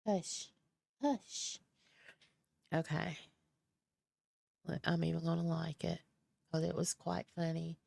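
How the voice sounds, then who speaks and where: A woman's voice: low voice, little pitch movement, takes it slowly, creaky, pauses often, a little mellow, no echo, clean studio sound. A woman with a Southern US accent chatting casually on a live stream, rambling and self-deprecating. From American South. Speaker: streamer host.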